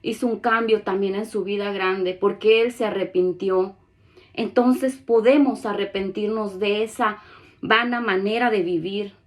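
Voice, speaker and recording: A woman's voice: mid-range voice, fairly even intonation, unhurried. Earnest woman preaching a sermon. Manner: earnest, reads scripture aloud and acts out pleas. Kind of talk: sermon with Bible reading.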